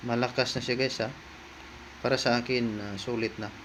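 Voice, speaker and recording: Talking at a moderate pace in a steady, medium-pitched voice, this Filipino-accented vlogger reviews products through a casual hands-on unboxing. He addresses viewers informally and repeats himself a lot as he handles things, with background noise present.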